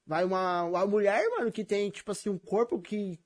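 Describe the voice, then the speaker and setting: A man talks casually and quickly in a high-pitched voice. He has a Brazilian Portuguese accent from São Paulo and leans heavily on street slang. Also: fairly even intonation. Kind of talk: casual chat.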